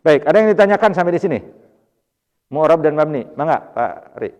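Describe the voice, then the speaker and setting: Brisk and expressive, a Sundanese-accented man with a fairly high, slightly mellow voice teaches Arabic grammar in a mosque study circle. He explains patiently and repeats Arabic words with emphasis. The recording from the mosque hall is lo-fi, dull, and reverberant.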